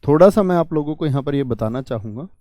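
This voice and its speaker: A man's voice: on the high side, animated, quick pace, mellow, no room sound, studio quality. A man teaching an online grammar class. He keeps asking his students questions and then answers them himself. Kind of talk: online exam-prep grammar lesson.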